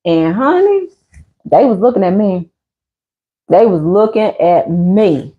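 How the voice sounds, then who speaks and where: With a mid-range voice, taking things slowly, this American livestream host in her fifties talks openly and informally with viewers. Her colloquial retellings are animated, complete with acted-out quotes. The livestream audio comes across lo-fi and slightly dull.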